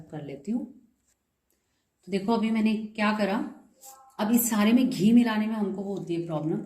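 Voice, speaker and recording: A woman's voice: medium pitch, warm tone, slight background noise. A woman with a slightly sore throat, explaining a home recipe step by step in a chatty, friendly tutorial. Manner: chatty, explains step by step, mixes in English words. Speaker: cooking video host. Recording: echoey room.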